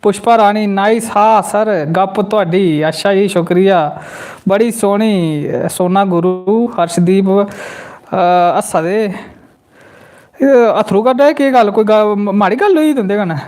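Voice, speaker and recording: Faint music plays behind a high-voiced, unhurried man from Jammu with a Dogri accent. As a comedy channel host on a live stream, he relates a funny story, reads out what viewers comment, and launches into quoted voices with animation.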